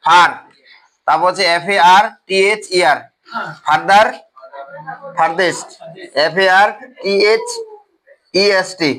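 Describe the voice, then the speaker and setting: Male teacher, high bright voice. Classroom lecture, spells things out, keeps checking the class follows. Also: slow, pauses often, poor audio. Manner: repetitive, checks often with the class, spells out letters. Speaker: English grammar teacher.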